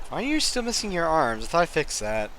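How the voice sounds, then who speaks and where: A man's voice: fairly high pitch, wildly swooping pitch, fast, a bit bright, slight background noise. Sleepy, joking male stream commentator. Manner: jokey, rambling asides, laughs often. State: sleepy, yawning. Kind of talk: casual live-stream football commentary.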